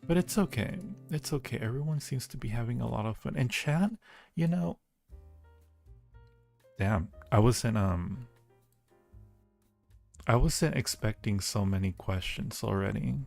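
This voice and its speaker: Background music accompanies a man with a mid-range, slightly mellow voice marked by vocal fry. An audio roleplay creator hosting a livestream, he talks unhurriedly with frequent pauses, joking casually with viewers and speaking to them fondly.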